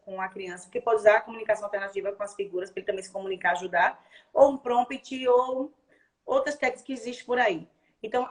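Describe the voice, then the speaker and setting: Brazilian woman, Bahian accent, speech therapist; quick, highish, animated, demonstrates phrases to a child. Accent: Bahian Brazilian Portuguese. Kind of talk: explaining advice in a live chat.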